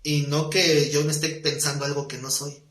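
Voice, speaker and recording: A man teaches a Bible study class, telling anecdotes and acting out the dialogue. His voice is bright and somewhat high, and it carries an echoey room sound. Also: level tone, moderate pace. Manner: conversational, tells stories with acted dialogue, asks the class questions.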